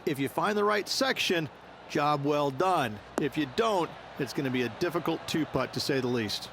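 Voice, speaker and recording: A man's voice: a little high, moderate pace, noisy background, natural voice. A man playing a golf commentator in a video game, explaining in a conversational analyst's manner.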